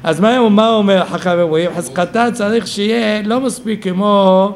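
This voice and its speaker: A man's voice: sits high, fairly even intonation. A man teaching a Talmud study class, explaining the text aloud and thinking it through with self-corrections.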